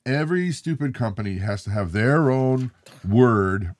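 A man's voice: medium pitch, expressive, a little slow, a little mellow, no room sound. Playful middle-aged man in a dry room. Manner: playful, showy announcer delivery. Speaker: co-host reading viewer comments. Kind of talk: casual live-stream chat. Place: home living room. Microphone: desk microphone on arm.

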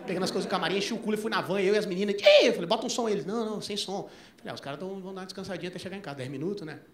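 A man doing stand-up, telling a long story and acting out both sides of the dialogue, his voice jumping up into near-shouts at the punchlines. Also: sits high, racing. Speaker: stand-up comedian. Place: comedy club stage before a live audience. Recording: echoey club with crowd noise and laughter.

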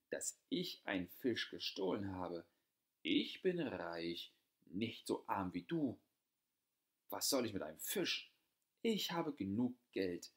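A man voicing a rich, haughty elder sister who shouts sharply and with contempt. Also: on the low side, voice pushed up, exaggerated voice.

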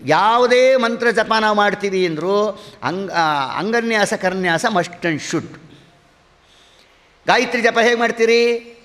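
A man with a Kannada accent giving a devotional sermon, chanting Sanskrit verses slowly between his explanations. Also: sits high, expressive, fairly bright tone, long reverb tail. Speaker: religious discourse speaker.

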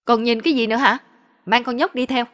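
A woman's voice: on the high side, steady tone, fast, fairly bright tone, close to an everyday voice. A woman voicing a cruel, haughty young mistress. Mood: scornful. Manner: harsh, commanding.

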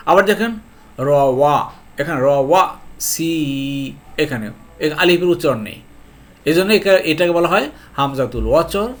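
A man teaching Quran grammar in a slightly high voice. His delivery is lively, with stressed words and frequent checks that students follow. He slows down when he reads verses aloud. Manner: speaks slowly when reading out verses. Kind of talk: lesson on a video channel.

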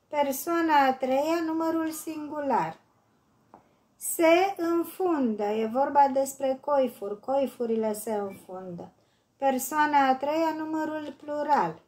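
High-voiced woman teacher reading a workbook. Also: darkish tone. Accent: Romanian. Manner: slow, careful dictation, repeating each word. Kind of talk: reading and explaining a workbook lesson.

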